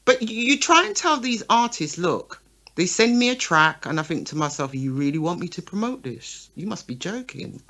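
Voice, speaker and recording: Her voice lowish and her pace moderate, a woman who works as a promoter co-hosts a radio talk show. She makes her points with liveliness, repeatedly checking in by asking "right?" and "okay?".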